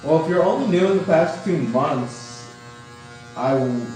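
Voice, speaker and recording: A man's voice: on the high side, animated, a little slow, far from the mic, music in the background. Hesitant young man, echoey from afar. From Guatemala. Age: young adult. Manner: hesitant, lots of fillers and restarts. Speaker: barbershop customer. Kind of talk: casual chat. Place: barbershop.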